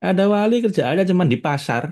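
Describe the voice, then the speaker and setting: A man's voice: high-pitched, expressive, quick pace, darkish tone. A man, giving a casual spiritual talk as a religious teacher, chatty and addressing his audience directly with frequent laughs.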